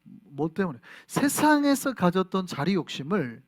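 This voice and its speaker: A man's voice: high-pitched, sing-song, moderate pace, dry recording, clean studio sound. A middle-aged man, a pastor, preaching a sermon in a conversational way and often asking the congregation questions. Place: church in Flushing, New York.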